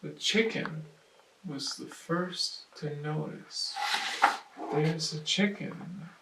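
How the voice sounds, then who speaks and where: A man reads a picture book aloud to children and stops to describe the pictures in an animated voice. He speaks very slowly, with a gravelly edge and a bright tone. The sound is echoey and distant, with a faint noise underneath. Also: a little high. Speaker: storytime reader.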